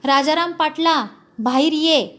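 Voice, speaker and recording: A woman's voice: high voice, a little slow. A woman voicing a fierce, menacing male outlaw chief who barks orders in a storybook reading. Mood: commanding. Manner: barking orders and threats.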